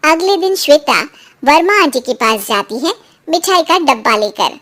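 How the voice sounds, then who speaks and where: Storybook narrator, woman, very high voice, even delivery. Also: moderate pace.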